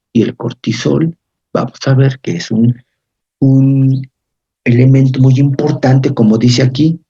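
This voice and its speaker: A man's voice: mid-range voice, vocal fry, dark tone, slightly rough. A man giving a university physiology lecture, explaining step by step and often checking in with his students. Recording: dull lo-fi lecture recording.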